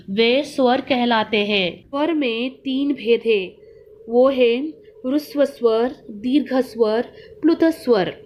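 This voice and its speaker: A woman teacher giving a recorded lesson to young children, reciting letters in a slow, drawn-out way. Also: sits high, highs cut off. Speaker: school teacher.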